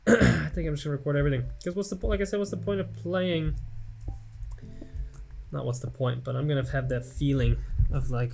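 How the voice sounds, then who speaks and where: An American man in his late twenties records Let's Play commentary at his home computer, thinking aloud in a rambling, self-mocking way. His medium-pitched voice is gravelly yet warm.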